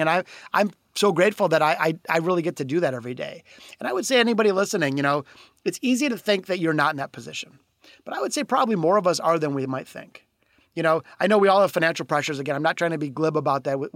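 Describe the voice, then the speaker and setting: A man's voice: on the high side, a bit bright, dry recording, studio quality. A man being interviewed on a podcast, speaking earnestly and humbly with frequent restarts. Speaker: podcast guest. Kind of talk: reflective interview talk.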